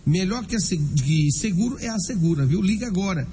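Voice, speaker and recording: Brazilian radio host, higher-pitched mellow male voice. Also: expressive, a little fast, husky. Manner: colloquial, chatty, addressing listeners with tags. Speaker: radio crime-news host. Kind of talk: informal news commentary and live-read advertising. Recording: music bed under the voice. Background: background music.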